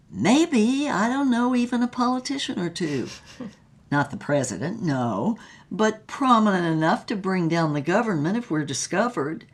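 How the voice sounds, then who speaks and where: In a dramatic audio fiction monologue, a female voice plays Mynx Devlin, a grandiose theatrical film star reminiscing. She speaks slowly and low, languid and theatrical, drawing out her words in an indulgent, playful mood.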